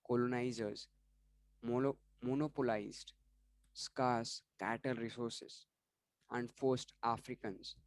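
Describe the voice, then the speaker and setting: A man's voice: mid-range voice, steady tone, takes it slowly, dry recording, rough recording. A man going through exam questions and answers for students in an online revision lesson, often restarting words and apologizing for slips. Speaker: online tutor.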